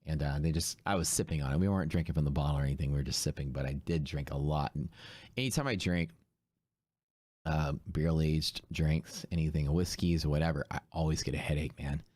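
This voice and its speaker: A man's voice: rumbling low, brisk, darkish tone, dry recording. A hungover man chatting casually and in laid-back slang as he hosts a livestream. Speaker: host of a live day-trading stream.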